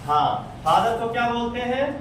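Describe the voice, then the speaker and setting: Speaking from across an echoey classroom, this man has a very high voice with lively intonation and a normal speed. He teaches an English lesson in a Bihari Hindi accent, firing the same questions at students over and over, and the distant recording picks up background noise.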